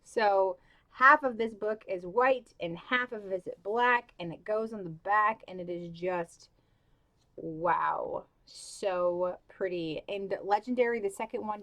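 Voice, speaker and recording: A woman's voice: medium pitch, fairly bright tone. Chatty young woman gushing over books. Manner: gushing, filler-heavy, with many "like" and "um". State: has the hiccups. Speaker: book vlogger. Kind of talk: casual chat to camera.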